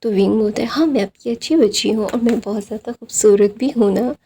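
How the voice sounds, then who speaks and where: A woman's voice: a little high, brisk, mellow, a little hiss or hum. A woman casually retelling a fan story, speaking each character's lines in her own voice and mixing in English phrases. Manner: reads out quoted lines of several characters in her own voice, with fillers.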